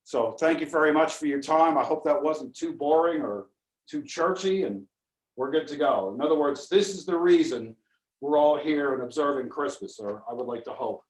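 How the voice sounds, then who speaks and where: A man co-hosting an online holiday event, speaking to the group in a measured, reflective way. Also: on the high side. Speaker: co-host of the event. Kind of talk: speaking to a group on a video call. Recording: echoey room.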